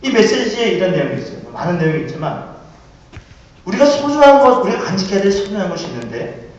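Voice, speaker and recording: A middle-aged male pastor preaches, his voice ranging high and animated as he asks rhetorical questions and swings from hushed to loud. He is heard from some distance in a church with long, heavy reverb. The recording is dull and muffled. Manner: storytelling with rhetorical questions, dramatic swings in volume. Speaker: senior pastor. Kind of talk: sermon. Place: church sanctuary.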